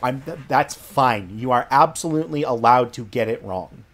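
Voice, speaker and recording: A man's voice: medium pitch, expressive, normal speed, a bit bright. A young man in his twenties co-hosting a podcast in casual chat, easygoing and jokey, often chiming in with agreement. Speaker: podcast co-host.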